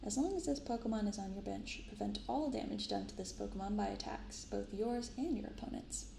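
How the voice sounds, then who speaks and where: Speaking softly in an ASMR style, a woman with a creaky, fry-edged, mid-pitched voice shifts between reading aloud and chatting casually. Her intonation is lively and her pace brisk, and she hosts a card-opening channel. A binaural mic captures her in a roomy space with noticeable background noise.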